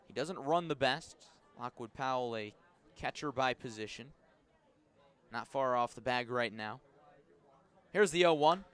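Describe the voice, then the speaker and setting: Calling a baseball game live over the radio, a man sounds measured between pitches and turns excited for the big moments.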